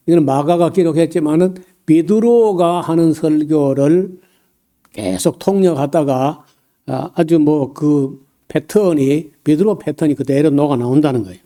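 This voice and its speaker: A man preaching a sermon as pastor, in a halting, folksy way with many fillers, humorous asides and frequent throat-clearing. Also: fairly high pitch, warm tone.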